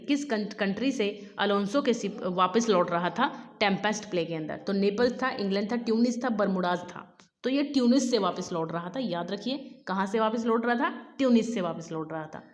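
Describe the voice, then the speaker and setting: Hindi-speaking woman teaching literature MCQs. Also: medium pitch. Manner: explains in Hindi mixed with English, reads questions slowly. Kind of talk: exam-prep MCQ lesson.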